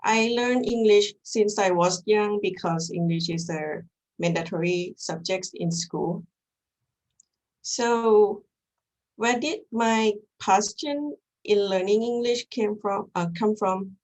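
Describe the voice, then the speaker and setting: On a rough recording, a young woman from Thailand presents her graduate research over a video call, her mid-range voice a little mellow. A native Thai speaker with a Thai accent, she speaks in a measured, earnest manner that halts slightly at times.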